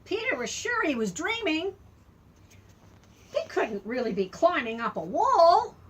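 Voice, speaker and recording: An older woman, high-voiced and measured in pace, reads a children's tale as a warm grandmother figure. She adds simple, expressive asides for a small child, and there's a little hiss or hum in the recording.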